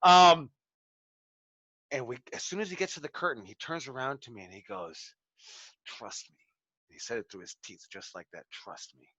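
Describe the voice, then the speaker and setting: A middle-aged man, a pro wrestling trainer, telling ring stories in an animated, swearing way as a lesson. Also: fairly high pitch, brisk, no echo. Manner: animated, swearing, acts out quotes. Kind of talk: casual storytelling lesson. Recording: dull lo-fi sound.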